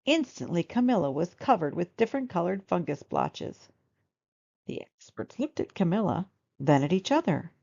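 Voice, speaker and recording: A woman narrating a children's storybook in an expressive read-aloud style. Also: lowish voice, moderate pace, creaky, dull audio. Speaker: storybook reader.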